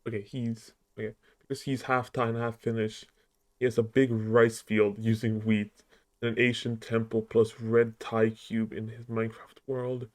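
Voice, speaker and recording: A man streaming live, chatting casually in a rambling, excitable way and correcting himself as he goes. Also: mid-range voice, normal speed.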